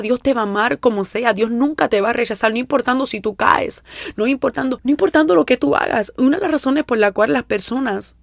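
A young woman speaks earnestly about her faith, acting out her prayers as she goes. Her voice sits a little high and has a gravelly fry. The recording is dry and close. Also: no echo. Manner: earnest, confessional; quotes prayers with feeling. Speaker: podcast host. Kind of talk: faith testimony talk.

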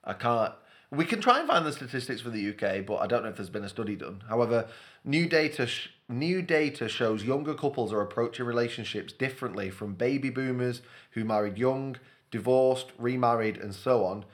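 A man's voice: medium pitch, lively intonation, brisk. A man, co-hosting a podcast with playful banter and reading news items aloud. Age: 20s. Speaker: podcast co-host.

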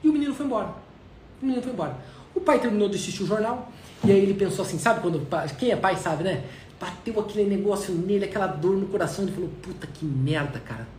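A man's voice: high-pitched, darkish tone. A man with a Brazilian accent giving a motivational talk, drawing out his words for emphasis. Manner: emphatic, drawn-out stresses. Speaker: motivational speaker. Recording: echoey room, faint noise.

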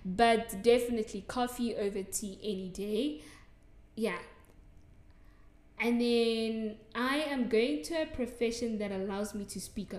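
Her fairly high, slightly mellow voice carries a South African accent; she's a young adult woman. Hosting her solo podcast, she responds to assumptions from listeners in a giggly, chatty manner packed with likes and ums, all in an echoey room.

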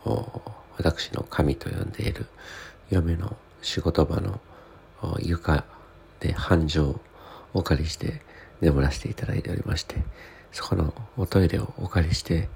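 A man keeping a spoken audio diary as a podcast host, talking in a hushed, whispery late-night voice so as not to wake anyone, in a humble and very polite way. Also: low-pitched, vocal fry, a little hiss or hum. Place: small toilet room indoors.

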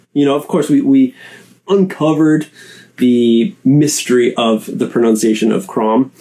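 A man hosting a solo chat show, rambling and casual, repeating words as he goes and swinging his pitch up and down. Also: a little mellow. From Canada. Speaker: podcast host.

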